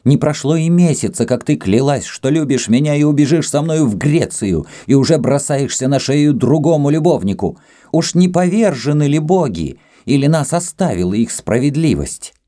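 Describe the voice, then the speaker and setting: A jealous young Greek man, seething and hurling threats in a strained, raised voice, as a male reader puts him on. The delivery swings widely in pitch, while the tone stays warm and dark in a dry, close recording for an audiobook. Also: expressive, a little slow, hardly any pauses, breathy edge, no room sound, heavily acted. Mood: furious.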